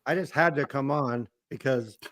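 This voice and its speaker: A man talks in a casual, informal way. His voice is hoarse and raspy, rough from days of coughing. He sounds like his voice is close to giving out. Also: medium pitch, normal speed, fairly bright tone. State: hoarse, voice nearly gone from coughing. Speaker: guest, co-founder of a fan show. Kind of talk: casual chat.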